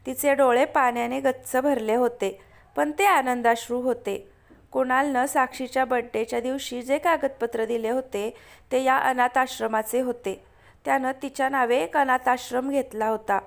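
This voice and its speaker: Woman storyteller, steady plain read, high voice. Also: moderate pace, vocal fry. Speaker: narrator. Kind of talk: storytelling narration.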